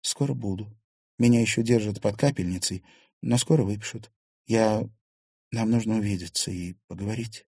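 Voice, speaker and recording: A man's voice: fairly low pitch, moderate pace, a little mellow, husky, dry recording, clean studio sound. A man reading an audiobook, voicing a hurt young woman in hospital who speaks hesitantly. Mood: shaken. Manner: hesitant, shaken, stubborn.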